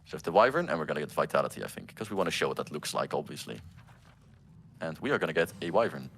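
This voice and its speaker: A man with a low voice gives casual gameplay commentary on a stream. His pitch moves a lot, rising and falling as he talks. He pauses often and restarts his sentences. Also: sing-song, creaky, fairly bright tone, a little hiss or hum. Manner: halting, full of ums and restarts. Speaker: game developer co-hosting a gameplay stream.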